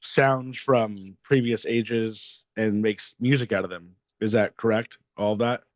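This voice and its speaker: A man's voice: lowish voice, fairly even intonation, measured pace, no echo. A man hosting an interview, chatting loosely and often asking "right?". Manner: casual, loose, fillers of "like" and "right". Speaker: podcast host. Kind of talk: casual interview chat. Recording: muffled, dry lo-fi audio.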